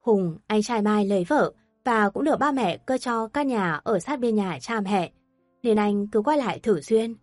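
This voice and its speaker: A woman narrating an audio story with steady, even storytelling. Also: medium pitch, normal speed, no room sound, faint music behind.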